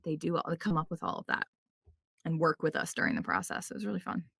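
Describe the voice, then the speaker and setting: A woman's voice: deep voice, sing-song, quick pace, creaky, a bit bright, breathy edge, no echo, clean studio sound. A woman voice actress chatting in a casual podcast interview, full of fillers like "like" and "um.". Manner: chatty, filler-heavy, acts out quotes. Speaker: voice actress guest.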